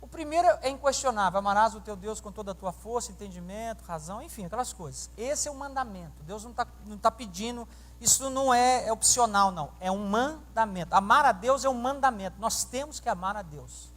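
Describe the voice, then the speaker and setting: Pastor preaching in an echoing church. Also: male voice, sits high, fairly quick. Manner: animated storytelling, acting out dialogue and questioning the congregation. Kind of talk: sermon. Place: church sanctuary during a service. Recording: reverberant church hall sound.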